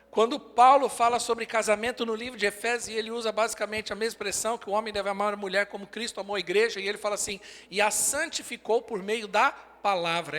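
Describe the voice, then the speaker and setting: High bright-voiced Brazilian pastor preaching. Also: male voice. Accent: Brazilian Portuguese. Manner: emphatic, short punchy declarations. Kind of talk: sermon. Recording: long hall reverb.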